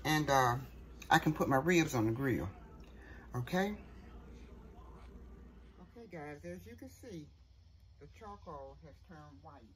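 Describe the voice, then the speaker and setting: With a low, animated voice, a slow pace, and long pauses, a middle-aged home cooking host demonstrates a recipe, folksy and chatty, frequently tagging "okay?" onto her statements as she checks in with viewers. It's noisy home video with clear background noise, shot in her kitchen and later outside at a night grill.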